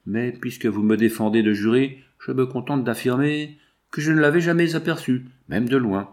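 A man's voice: medium pitch, normal speed, close to an everyday voice. A man reading the part of an earnest young male baron and fiancé in an audiobook, protesting his innocence.

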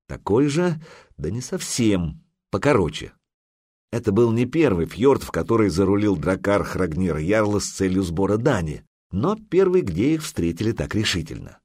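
A man narrating an audiobook in a lively, expressive way on a close mic. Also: on the low side, normal speed, husky, no echo.

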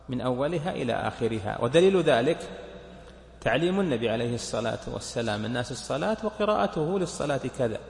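A man, a sheikh, explaining a legal text to his students, counting points aloud and asking them questions. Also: mid-range voice. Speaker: sheikh teaching a fiqh text. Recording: echoey hall with long reverb.

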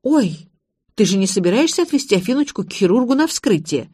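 A woman reading an audiobook voices an excitable young woman who squeaks in cutesy baby talk. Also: a little fast, slightly rough. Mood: squeaky.

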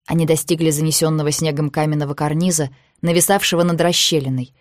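An audiobook narrator giving a measured, even reading of a thriller novel. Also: mid-range voice, no room sound, studio quality.

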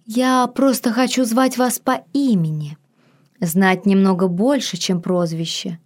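A nervous young heroine pleads in a breathy, slightly raised voice, as a woman reading an audiobook plays her. It sounds like a first-person romance storybook. Her lines come out soft and eager. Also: mid-range voice, measured pace, close to an everyday voice. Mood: pleading.

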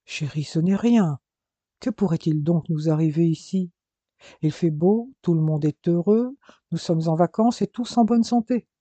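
A man voicing a gentle, reassuring husband. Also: on the high side, measured pace, dry recording.

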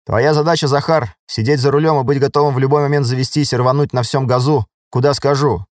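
A male audiobook reader voicing a confident young lieutenant who talks briskly and wryly. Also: medium pitch, steady tone, dry recording, clean studio sound, voice pushed up, natural voice. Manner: brisk, commanding, wry.

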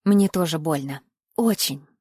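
A woman's voice: low-pitched, lively intonation, a little slow, slightly rough, dry recording, studio quality, full character voice. A woman voicing a menacing male captor who speaks in a falsely tender, self-pitying croon, sometimes dropping to a whisper. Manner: soft crooning, at times whispering.

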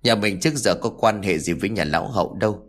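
A man's voice: lowish voice, fast talker. A man doing a weary, muttering village father. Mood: grumbling.

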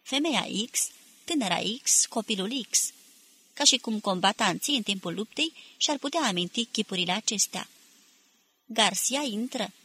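A woman narrating a novel as an audiobook, reading evenly and deliberately. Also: mid-range voice, lively intonation, sharp tone, breathy edge. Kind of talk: scripted literary narration.

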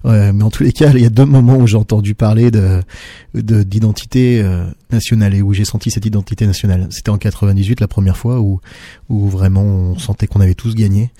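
A man with a low-set voice and a very dark, mellow tone presents tracks on his podcast. He talks casually and haltingly, stopping to restart his sentences. The sound is dry and close, with no room around it. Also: dry recording. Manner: hesitant, halting with many fillers and restarts. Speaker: radio podcast host. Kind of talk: casual music show presenting.

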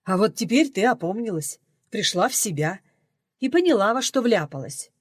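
A woman's voice: medium pitch, sing-song, normal speed, slightly rough, dry recording. Woman voicing an indignant scolding mother. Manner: scolding, rising to loud outbursts. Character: indignant middle-aged mother, scolding and bitter. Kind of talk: audiobook character reading. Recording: dry close recording.

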